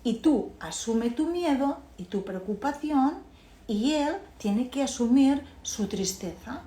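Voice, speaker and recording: A woman gives a reflective motivational talk. Her voice sits a little high, and she talks earnestly, driving points home by repeating phrases. The recording has a noticeable room echo. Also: lively intonation, slow, mellow. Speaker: personal growth speaker. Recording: echoey room.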